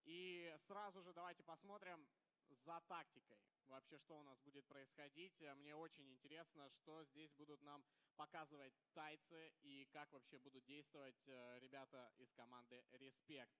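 A man's voice: on the high side, fairly even intonation, moderate pace, bright, forceful tone, clean tone. A young man commentating live on an esports match through a headset in an arena. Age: young adult. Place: caster desk on stage in large indoor arena. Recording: reverberant large event hall.

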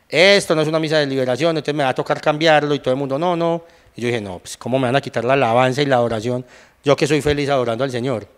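A young Paisa-accented Colombian guest casually relates his testimony, animated throughout and replaying his own earlier words. He has a medium-pitched voice, and the recording carries a big-room sound.

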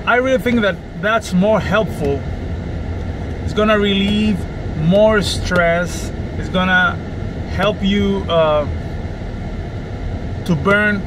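A middle-aged man, a personal trainer, talking casually to a dashboard camera from his parked car, unhurried and thoughtful. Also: high-pitched. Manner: slow, thoughtful, gestures with hands. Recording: car interior with clear air-conditioning hum.

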